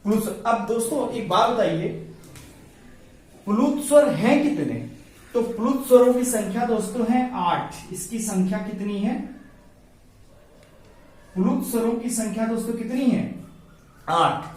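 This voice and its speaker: A male teacher giving an exam-prep lecture, asking questions and answering them himself, stretching the vowel sounds slowly while writing on a board. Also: extremely high pitch, darkish tone. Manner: addresses listeners as friends. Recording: very echoey room, voice from some distance to the mic.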